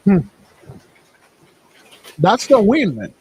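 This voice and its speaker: A man's voice: high-pitched, huge pitch swings, drawn-out words, darkish tone, slightly rough. Scoffing male preacher, reverby. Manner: scoffing, repetitive, conversational. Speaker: host. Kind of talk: religious commentary on news clips.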